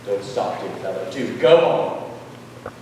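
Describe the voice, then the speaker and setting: A man playing a brooding, tormented young uncle in formal, halting theatrical stage acting. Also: fairly low pitch, animated, a little mellow, a little hiss or hum. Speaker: actor in a stage musical. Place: school theatre stage, audience recording. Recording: echoey hall from far off.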